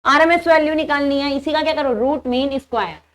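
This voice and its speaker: Young woman teacher, high voice, walks thru the math step by step and asks herself questions. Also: a little fast, fairly bright tone. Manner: explains step by step, asking and answering her own questions. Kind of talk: engineering lecture.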